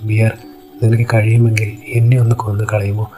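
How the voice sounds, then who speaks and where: A man's voice: fairly low pitch, completely flat delivery, brisk, mellow, faint music behind, close to an everyday voice, rough recording. A man voicing a desperate, unstable young woman who pleads in a storytelling recap. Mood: despairing.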